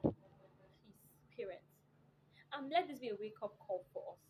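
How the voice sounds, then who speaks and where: A woman with a high voice pleads with parents in an emotional, preachy appeal, close to tears and repeating words to drive her point home. Faint ambient noise hums under her voice. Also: animated, fast talker, warm tone, rough recording. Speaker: vlogger.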